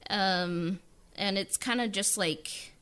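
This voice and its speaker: A woman co-hosting a podcast chats casually behind the scenes about writing an audio drama, rambling with plenty of fillers. Her mid-range voice is smooth and a bit bright, and she takes her time.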